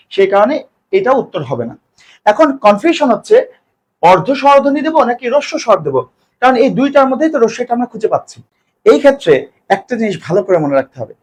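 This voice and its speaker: In a high voice, this man teaches grammar for an exam, walking through each step. He asks questions, supplies his own answers, and draws example words out slowly.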